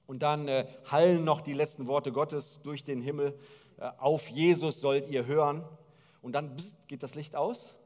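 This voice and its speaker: A man in his forties preaching a sermon on a church stage, telling stories with lively gestures. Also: mid-range voice. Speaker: pastor. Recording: long hall reverb.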